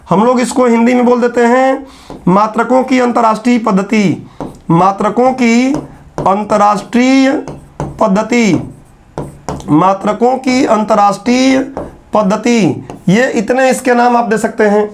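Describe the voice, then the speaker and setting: Man, very high voice, online exam-prep lecture, step-by-step explaining, repeats key terms. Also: steady tone, measured pace, gravelly. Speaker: teacher.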